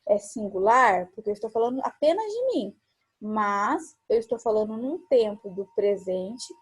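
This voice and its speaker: A woman's voice: mid-range voice, expressive, moderate pace, slightly rough. A woman with a Brazilian Portuguese accent teaching a recorded class, patiently repeating examples and asking rhetorical questions.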